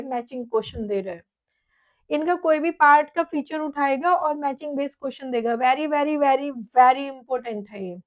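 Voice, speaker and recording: A woman's voice: high voice, low-quality recording. A woman teaching an exam-prep biology lesson, listing topics and past question counts and calling her students "beta".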